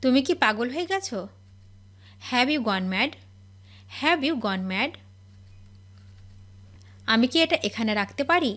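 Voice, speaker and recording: A woman teaching English phrases, reading each sentence and then repeating the English slowly twice. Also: sits high, lively intonation, a bit bright.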